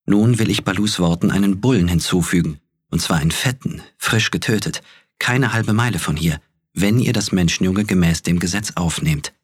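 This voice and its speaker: A man's voice: sits low, moderate pace, slightly rough, no room sound, studio quality. Man voicing Bagheera, a purring sly panther. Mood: persuasive. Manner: soft, purring, persuasive. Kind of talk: audiobook character voice.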